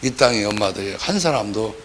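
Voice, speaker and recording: A man's voice: on the low side, expressive, fairly quick, slight background noise. A man preaching a sermon as pastor, talking in a colloquial way and acting out the voices of the people he quotes.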